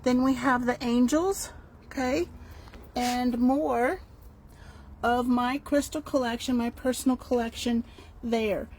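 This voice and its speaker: A woman's voice: fairly high pitch, fairly even intonation, slow, long pauses, a little mellow. A woman from Texas giving a casual, unscripted video tour as host, chatty, meandering and enthusiastic, filming by hand in a warehouse. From El Paso, Texas. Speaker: crystal shop owner and host. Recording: clear background ambient noise.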